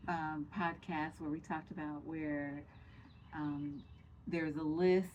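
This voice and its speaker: A woman's voice: low voice, level tone, slow pace, darkish tone, lo-fi sound, a little hiss or hum. A woman co-hosting a podcast, speaking in an earnest, emphatic way as she lays out points. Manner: earnest and emphatic, building lists. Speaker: podcast co-host. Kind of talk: casual chat.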